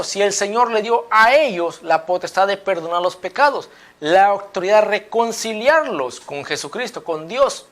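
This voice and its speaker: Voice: mid-range voice, a bit bright. Emphatic preacher firing rhetorical questions. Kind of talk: apologetics sermon video.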